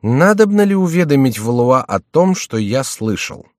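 A man's voice: medium pitch, very animated, normal speed, a little mellow, dry recording, clean studio sound, voice pushed up, natural voice. A man voicing a sly, mocking court jester who mutters wryly to himself, in an audiobook reading. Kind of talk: audiobook character voice.

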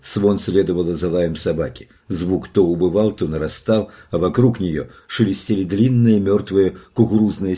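A man reading a novel aloud as an audiobook narrator, telling a tense scene in a steady voice. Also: low-pitched, husky. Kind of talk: scripted narration.

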